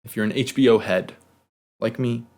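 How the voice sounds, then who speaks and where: A young man hosting a casual TV recap on his own, chatty and loose, with quick asides. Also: medium pitch, steady tone, a little mellow. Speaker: TV recap host. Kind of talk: casual solo episode recap.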